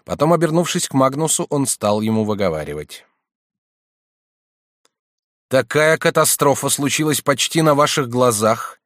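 A man's voice: on the low side, sing-song, fast talker, few pauses, no room sound, clean studio sound. A man reading as a stern reproachful cardinal. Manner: rebuking, rising and forceful.

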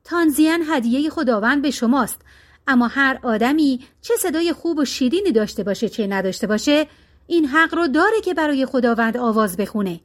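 A woman's voice: sits high, expressive. A woman voicing a poor old wandering male musician in a storybook reading, firm and dignified.

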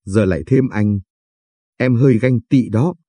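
A man voicing a shy, polite young woman with a limp, speaking softly and timidly in a storybook reading. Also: on the low side, a little slow, slightly rough, no room sound. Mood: hurt, gentle.

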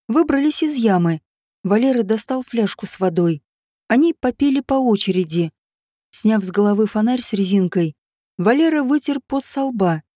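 A woman narrating an audiobook in an even, steady storytelling manner. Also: fairly high pitch, no echo, studio quality. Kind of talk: scripted narration.

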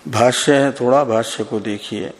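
A man, a monk, giving a scripture discourse, speaking deliberately and posing questions to his listeners before answering them himself. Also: medium pitch, fairly even intonation, slight background noise.

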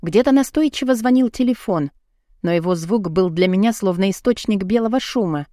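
A woman narrating a first-person audiobook, expressive and emotional. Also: medium pitch, a little fast, no echo, studio quality.

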